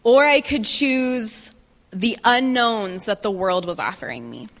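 Woman speaker, bright tone, measured testimony in phrases, big reverberant hall. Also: a little high, lively intonation. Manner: measured, pausing for translation. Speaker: guest speaker. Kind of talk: testimony talk with interpreter.

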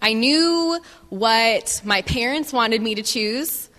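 A woman giving a personal testimony as a guest speaker, speaking in measured phrases and pausing for an interpreter. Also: a little high, expressive, pushed and bright. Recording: reverberant hall.

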